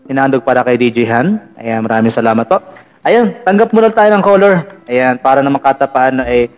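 A man hosting a casual live call-in vlog, chatty and teasing, filling pauses with "ayan". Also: medium pitch, animated, soft background music. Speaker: vlog radio-style host taking callers.

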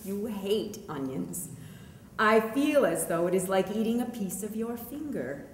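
A middle-aged woman playing a devoted, wry painter, giving a theatrical, dramatic reading of her love letters with deliberate pauses. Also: mid-range voice, animated, close to an everyday voice. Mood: wry, animated. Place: indoor art gallery. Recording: echoey hall reverb, noticeable room noise.

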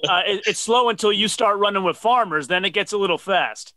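A friendly man in his forties from New Jersey hosts a webcam interview, backing up his guest and asking long questions. His voice sits a little high for a man, bright and close, with a dry, deadened sound. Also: brisk, no echo. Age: 40s. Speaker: interview host. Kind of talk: casual video-call interview. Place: dim home office. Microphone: webcam on video call.

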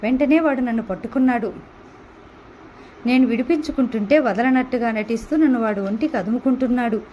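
A woman's voice: fairly high pitch, fairly quick, muffled recording, a little hiss or hum. Woman narrating a Telugu audio novel.

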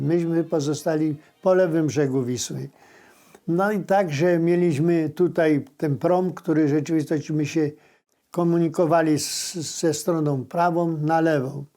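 An elderly man shares memories in a folksy, halting way. His voice is mellow and a little high for a man. Faint violin music plays behind him. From Poland, riverside village in Lesser Poland. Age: older, born 1938. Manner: plain, folksy, halting phrasing. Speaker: local resident recalling village life. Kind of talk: informal spoken reminiscence.

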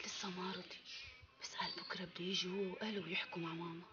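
A woman's voice: fairly low pitch, level tone, very fast, muffled recording, heavy background noise, natural voice. An actress playing a dreamy young woman gushing about a suitor.

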